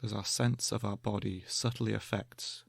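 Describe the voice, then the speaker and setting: In this guided meditation, the man's voice is low and steady, with a creaky edge. Each instruction comes gently and deliberately, and long silences open up between phrases. It's a dry, close recording with almost no sense of the room.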